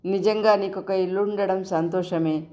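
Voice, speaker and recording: A woman's voice: mid-range voice, fairly even intonation, unhurried, warm tone, close to an everyday voice. Woman reading as fond teasing elder sister. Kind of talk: storybook reading.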